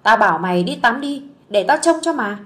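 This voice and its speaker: A woman voicing a loud, bossy village sister-in-law who shouts urgently. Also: fairly high pitch, expressive, fairly quick. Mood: scolding.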